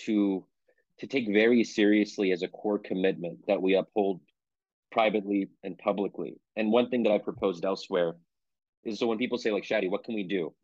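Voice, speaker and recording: Low, brisk and darkish, the voice belongs to a Pennsylvania author being interviewed as a guest. He answers thoughtfully, correcting and qualifying himself with many restarts, in a dull lo-fi recording that's dry and free of room sound.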